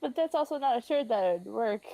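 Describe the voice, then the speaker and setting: A woman's voice: on the high side, lively intonation, quick pace, vocal fry, mellow, no echo, poor audio. A woman player in a tabletop game, talking casually with a bit of hesitation.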